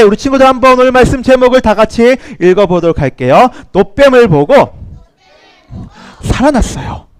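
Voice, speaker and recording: Brief: high, animated male children's teacher, dry close sound. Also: dry recording. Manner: animated, acts out shouts and cries; addresses children as friends, asks questions. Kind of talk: children's sermon.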